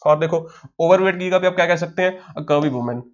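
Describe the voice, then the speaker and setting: A man with an Indian accent teaches vocabulary for exam prep. His voice sits high, and he keeps asking himself questions and then answering them. The recording sounds dull and lo-fi. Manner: spells words slowly letter by letter. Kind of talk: online exam-prep lesson.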